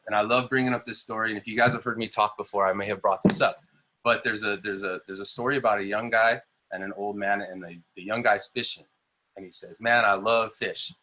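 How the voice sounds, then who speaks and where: A young adult man who works as a health coach gives an upbeat motivational training talk over a video call. His voice is lowish and bright with a forceful tone, and his speech is full of fillers and restarts.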